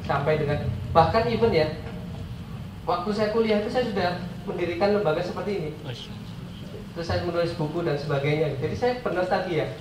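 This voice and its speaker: Addressing listeners as friends, this guest motivational speaker in his forties keeps things informal and jokey with self-deprecating asides. He has an Indonesian accent and a slightly high, stuffy, nasal voice. The recording comes from an echoey room on a far mic, with clear background noise.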